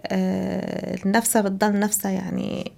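A woman's voice: medium pitch, little pitch movement, normal speed, gravelly, a little mellow. A woman from Aleppo with an Aleppine Syrian Arabic accent, explaining things as a guest in a casual conversational interview.

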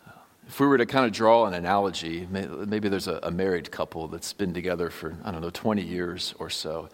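A man preaching a sermon as pastor, earnest, sometimes dropping to a hushed near-whisper. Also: deep voice, brisk. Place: church sanctuary.

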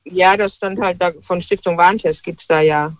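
A man calling in to a talk show, chatting in a relaxed, hesitant way and agreeing readily. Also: high voice, normal speed, no echo. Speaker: caller. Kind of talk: casual phone-in chat. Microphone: telephone. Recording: dull dry phone line.

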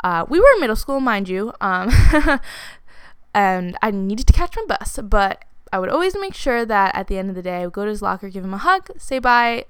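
A woman's voice: mid-range voice, expressive, moderate pace, clear, resonant tone, dry recording. A woman in her twenties telling a personal story in a casual, chatty way, with lots of "like" fillers and laughs slipped in. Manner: chatty, many "like" fillers, laughs while talking.

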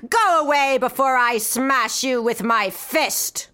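A woman voicing a huge, menacing male gatekeeper in a told story, speaking slowly in a low threatening growl. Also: bright, forceful tone, clear, resonant tone, exaggerated voice.

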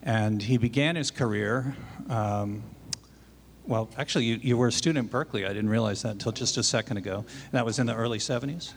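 A man hosting an interview, asking measured, prompting questions. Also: mid-range voice, slight background noise. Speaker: interviewer, host. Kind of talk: conversational interview.

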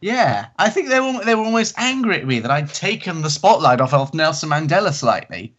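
A man's voice: a little high, sing-song, a little fast, fairly bright tone. A man telling a comic story as a podcast co-host, rambling and self-mocking and stumbling over restarts. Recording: dull lo-fi recording.

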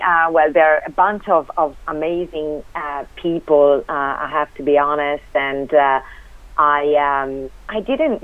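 A woman from Italy with a low voice and an Italian accent is a guest on a radio interview, heard through a tinny phone line in a dry recording. She speaks hesitantly, with lots of fillers and restarts.

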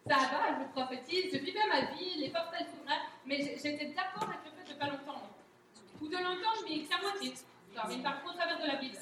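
A woman giving an informal sermon at a church, speaking candidly and often acting out her own past thoughts. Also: sits high. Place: church hall, recorded from a distance. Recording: echoey hall, distant mic, faint noise.

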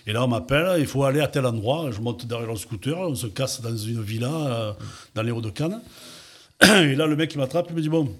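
Male guest, mid-pitched, chatty storyteller. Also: animated, brisk. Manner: talkative anecdotal storyteller. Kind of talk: casual chat.

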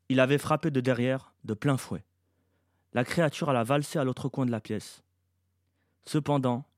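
A man, the author, reading his science-fiction novel aloud in an even, measured narration. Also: medium pitch, dry recording, clean studio sound.

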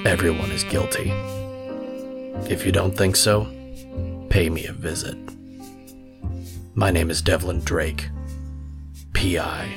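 A man's voice: low voice, fairly even intonation, slow, pauses often, over music. A man playing a cynical hard-boiled private detective, narrating and talking in a clipped, sardonic tough-guy manner in a noir radio drama. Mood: brooding.

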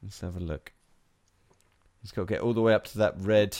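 A man's voice: on the low side, brisk, a little mellow. A man giving casual, chatty snooker co-commentary with informal, blokey reactions in short remarks. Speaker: podcast co-host and co-commentator.

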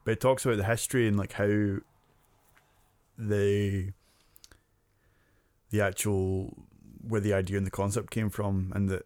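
A man's voice: lowish voice, flat delivery, measured pace, long pauses, a little mellow, dry recording. Rambling, hesitant man on a podcast. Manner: rambling, hesitant, searches for words. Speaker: podcast co-host. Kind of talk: casual chat.

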